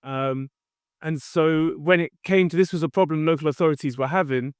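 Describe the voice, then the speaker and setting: On a podcast, a London-based company founder answers interview questions about his working life, thoughtful and explanatory with plenty of fillers. The slightly high voice comes across smooth and resonant, and the recording is close and dry.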